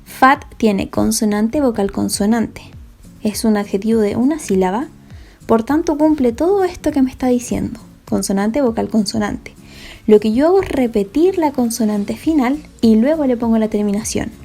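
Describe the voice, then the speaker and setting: A woman's voice: a little high, expressive, normal speed, warm tone, faint music behind. A woman gives a recorded English lesson over slides. She explains step by step in a patient way and often checks that her students understand. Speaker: English teacher.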